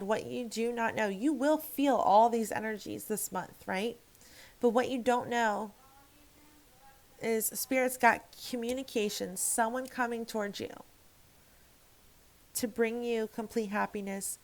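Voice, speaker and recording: A woman's voice: on the high side, rough recording. A woman giving a casual tarot reading to camera, frank and emphatic, swearing freely and rambling with restarts. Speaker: tarot reader.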